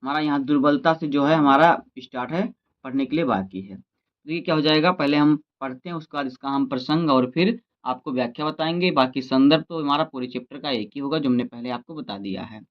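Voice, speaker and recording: A male teacher explaining a Hindi literature lesson, reciting verses slowly and then explaining them in quick asides. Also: medium pitch, highs cut off.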